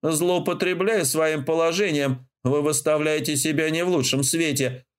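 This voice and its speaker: A man's voice: a little high, moderate pace, clear, resonant tone, lightly acted. A man reading as a pompous, preachy old admiral. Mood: lecturing. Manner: lecturing, self-important. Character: older male rear admiral, pompous and preachy.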